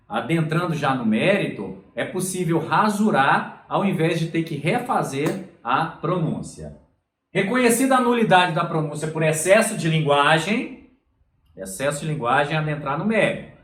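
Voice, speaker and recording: A man's voice: a little high, fairly bright tone. Echoey-voiced male law lecturer. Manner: explanatory, repeats "olha só" and "tá?".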